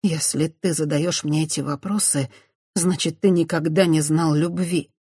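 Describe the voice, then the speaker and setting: An audiobook reader voicing a proud, defiant condemned witch woman who speaks in shrill, fierce outbursts. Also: steady tone, moderate pace, a little mellow, husky, no room sound, clean studio sound, lightly acted. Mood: passionate. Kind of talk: audiobook character voice.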